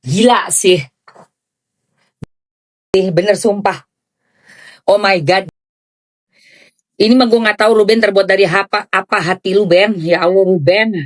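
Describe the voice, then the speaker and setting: A woman giving excited, gushing reaction commentary on celebrity gossip in chatty slang. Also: medium pitch, unhurried, long pauses.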